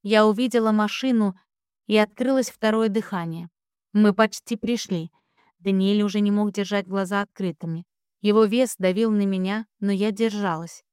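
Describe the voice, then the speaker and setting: A woman reading a first-person romance novel aloud as narrator, in steady, even storytelling. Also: mid-range voice, normal speed, clear, resonant tone, dry recording, clean studio sound.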